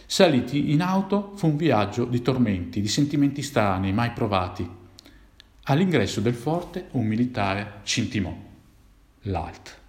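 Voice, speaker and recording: A man's voice: medium pitch, sing-song, a little slow, darkish tone. A man narrating a childhood memory in the first person, with a dramatic telling that lifts for the tense moments. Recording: roomy echo.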